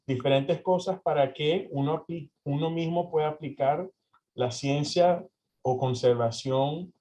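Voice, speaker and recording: A man's voice: medium pitch, dark tone. A young man from Venezuela answering interview questions, hesitant with many fillers and restarts. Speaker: interview guest. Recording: slightly dull lo-fi audio.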